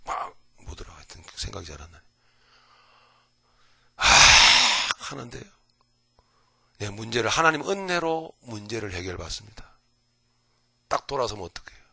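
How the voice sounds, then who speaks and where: Man preaching a morning bible talk, swings from shouts to whispers, keeps asking "right?", dry close sound. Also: mid-range voice, normal speed, vocal fry, long pauses, husky, no room sound. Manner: animated, mimics people with sudden loud outbursts and whispers; folksy, asks listeners "right?" often. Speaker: pastor. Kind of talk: early morning Bible lecture.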